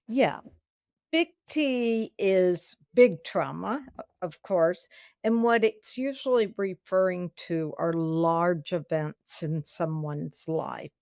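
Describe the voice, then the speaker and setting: A woman with a Southern US accent, a guest expert on a podcast, explaining things in a measured way. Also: on the low side, darkish tone, no room sound, studio quality. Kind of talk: podcast interview.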